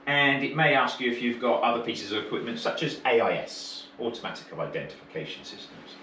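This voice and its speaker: Brisk and forceful, this British marine radio instructor speaks in a bright mid-range voice with lively intonation. He teaches informally, explaining one step at a time and throwing in short checking questions. An indoor training room gives a roomy, distant-mic recording with faint noise.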